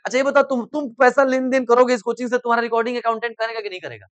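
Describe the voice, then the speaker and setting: एक अधेड़ उम्र का पुरुष शिक्षक कोचिंग की कक्षा में छात्रों को लेक्चर दे रहा है। वह आसान हिंदी में रोज़मर्रा के उदाहरण देकर समझाता है और बार-बार छात्रों से पूछता है कि बात समझ आ रही है या नहीं।. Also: male voice, very high-pitched, steady tone, rapid-fire, fairly bright tone, no echo. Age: middle-aged. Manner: repeatedly asks "samajh mein aa raha hai?" and prods students to answer; explains in simple Hindi with everyday examples. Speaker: commerce coaching teacher. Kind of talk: classroom lecture. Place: coaching classroom.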